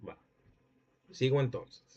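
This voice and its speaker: A man's voice: slow, warm tone. Venezuelan man lecturing over muffled audio. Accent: Venezuelan Spanish. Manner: explanatory, checks in with students often. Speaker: linguistics teacher. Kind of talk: lecturing a class.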